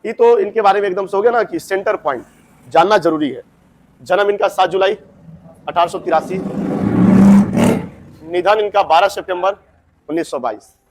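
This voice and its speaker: Chatty male teacher, high voice. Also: moderate pace, pauses often, slight background noise. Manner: chatty, addresses students directly with asides. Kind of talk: explaining a Hindi story to students.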